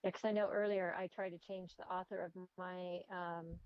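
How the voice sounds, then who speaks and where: A woman's voice: lowish voice, level tone, normal speed, background noise. A woman on a video call, speaking hesitantly with many ums and trailing off, heard through the call on a screen recording. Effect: heard over a video call on a screen recording. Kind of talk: casual troubleshooting chat. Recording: dull, muffled call audio.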